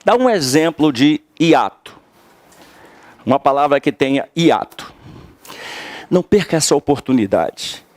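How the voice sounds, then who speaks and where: A man's voice: fairly high pitch, sing-song, unhurried, long pauses, no room sound. A man with a Brazilian accent teaching a class, emphatic, repeating key words and quizzing his students. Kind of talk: classroom lecture.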